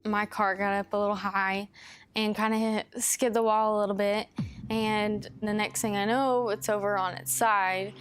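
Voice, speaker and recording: A woman's voice: mid-range voice, flat delivery, moderate pace. A young woman speaking in a recorded interview, hesitant and often repeating herself. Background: music.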